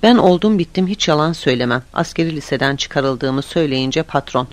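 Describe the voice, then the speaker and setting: A man reading a story aloud in the first person, in a steady, plain storytelling manner. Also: fairly high pitch, brisk. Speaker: audiobook narrator. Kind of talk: scripted story narration.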